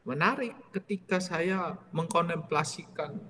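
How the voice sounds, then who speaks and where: A man in his forties, a priest leading a retreat, telling a personal story in a lively way and tagging his sentences with "ya". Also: on the high side, unhurried, in a large hall, a little hiss or hum.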